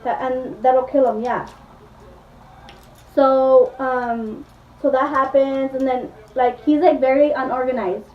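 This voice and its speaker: A young-sounding woman with a high voice chats her way through a movie plot, piling on "like" and acting out quotes. She sits back from the mic in an echoey room, and the sound is a little dull. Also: steady tone, slow, recorded from a distance. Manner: rambling, full of "like", acts out quotes. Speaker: beauty vlogger. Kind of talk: casual retelling of a movie plot.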